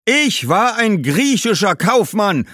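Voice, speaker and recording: A man's voice: high voice, very animated, takes it slowly, bright, forceful tone, dry recording, clean studio sound, voice pushed up, full character voice. A man doing a cheeky ghostly Greek trader. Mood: bossy. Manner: bossy, teasing, raised voice.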